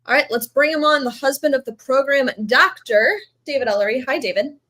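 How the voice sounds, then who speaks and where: A woman co-hosting a sports podcast, brisk and joking as she hands off segments and brings on guests. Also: high voice, pushed and bright. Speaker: podcast co-host. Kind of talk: casual podcast sports chat.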